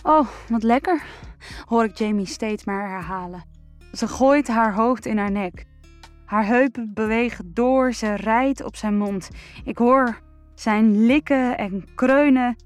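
A woman reading a first-person erotic story aloud in a slow, breathy, sensual way. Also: fairly high pitch, soft background music. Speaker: narrator.

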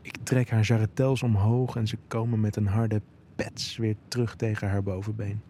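Low-voiced man narrating an erotic story. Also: flat delivery, normal speed, warm tone, a little hiss or hum. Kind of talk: first-person erotic audio story narration.

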